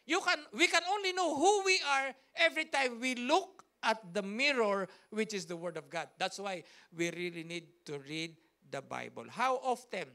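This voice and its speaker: A woman's voice: fairly high pitch, lively intonation, unhurried, pushed and bright. A woman pastor, telling a story in a sermon with emphatic, repetitive, rhythmic phrasing. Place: church service.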